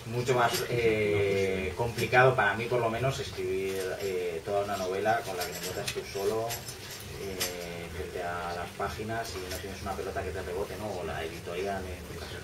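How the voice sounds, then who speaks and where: A man's voice: low voice, steady tone, moderate pace. Chatty man in a roomy café, heard from afar. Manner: chatty, many fillers and restarts. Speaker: author on a panel. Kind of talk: casual panel talk. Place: small bookshop café, indoors. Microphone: far camera. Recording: roomy, distant, noisy room.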